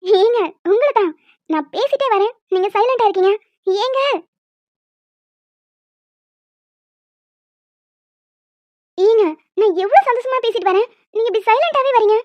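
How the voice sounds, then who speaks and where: An earnest young wife from a cartoon, heartfelt and close to tears, with a high voice. The sound is dry and a little dull. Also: female voice, brisk, no echo. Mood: overjoyed. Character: emotional young wife, tearful and joyful.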